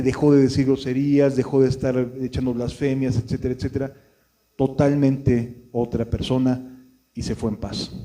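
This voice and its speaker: Preacher guy, warm mellow tone, earnest and pleading, keeps asking the church if they follow. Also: medium pitch, rough recording. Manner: earnest, pleading, rhetorical questions to the congregation. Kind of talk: sermon.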